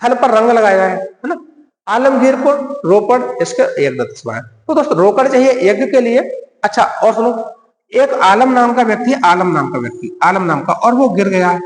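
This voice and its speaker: High, lively male teacher in echoey room. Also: moderate pace. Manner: repetitive, quizzes listeners and answers himself; calls listeners friend. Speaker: exam-prep teacher. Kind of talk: mnemonic-based classroom lecture. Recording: echoey room with long reverb.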